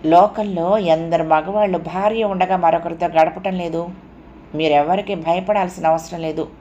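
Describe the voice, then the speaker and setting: A woman voicing an adoring young woman who speaks in a soft, coaxing murmur in a storybook reading. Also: fairly low pitch, steady tone, moderate pace, lo-fi sound, slight background noise, close to an everyday voice. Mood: tender coaxing.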